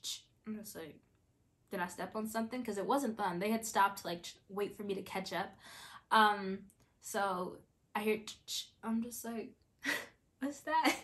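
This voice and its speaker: A young woman in her twenties telling a story in a casual, animated way, acting out her own quotes with lots of filler words. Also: a little high. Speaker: vlogger.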